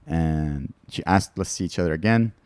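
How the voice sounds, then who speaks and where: A man's voice: low voice, normal speed, a little mellow, clean tone, no room sound. A male comedian guest chatting casually on a podcast, telling candid, rambling stories and laughing between lines. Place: studio.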